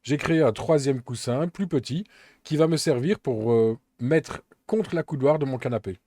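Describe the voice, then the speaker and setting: A man walks through a software tutorial step by step, calm and methodical. His voice is dark and mellow, and the recording is dry and close with no room sound. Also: mid-range voice, normal speed, no echo. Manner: calm, methodical step-by-step explaining with occasional fillers. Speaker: Blender tutorial instructor.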